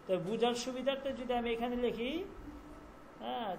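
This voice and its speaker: A man teaching a language class online, repeating each letter sound slowly and checking that students follow. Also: very high-pitched, flat delivery, gravelly, slight background noise.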